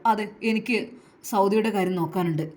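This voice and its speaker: A woman's voice: medium pitch, a little mellow, pitched below the performer's own voice, natural voice. A woman doing a furious, hurt young husband. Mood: angry. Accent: Malabar Malayalam. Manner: harsh, scolding, rapid questions. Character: angry, hurt young husband, quick-tempered.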